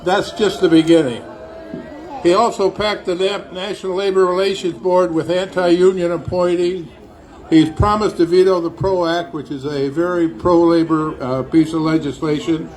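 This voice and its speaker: A man's voice: high voice, steady tone, normal speed, darkish tone, rough recording. Man giving an earnest rally speech. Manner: earnest, with some hesitations. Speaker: rally speaker. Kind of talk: political speech. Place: outdoor protest rally.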